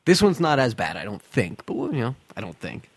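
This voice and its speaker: Male sports podcast host, opinionated and salty, mid-range pitch, close dry recording made in an attic. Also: wildly swooping pitch, fairly quick, husky, dry recording. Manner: blunt, profane, opinionated. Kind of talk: casual sports podcast chat. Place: attic of a house, recording in summer heat.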